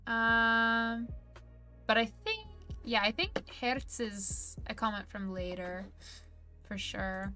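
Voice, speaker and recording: A woman's voice: a little high, slow pace, sharp tone, faint music behind. A woman streamer in casual livestream chat, reading viewer messages aloud in a chatty, giggly way.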